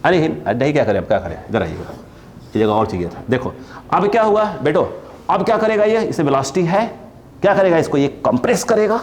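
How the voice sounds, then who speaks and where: A fairly high-voiced man lecturing on physics to a live class. He drags out key terms and keeps throwing questions at the students. A faint hum of room ambience sits behind him. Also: very animated, fast talker, a little mellow. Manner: questioning students constantly, stretching key words. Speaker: physics teacher.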